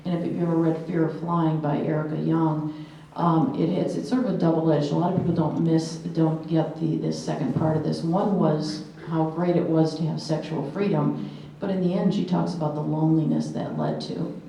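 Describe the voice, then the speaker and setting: A woman's voice: low-pitched, flat delivery, normal speed, creaky, warm tone, far from the mic. A woman in her sixties giving an earnest conference talk full of personal anecdotes. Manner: earnest, anecdotal, with acted quotations. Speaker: conference speaker. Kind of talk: lecture to a live audience. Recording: echoey hall, mic from afar.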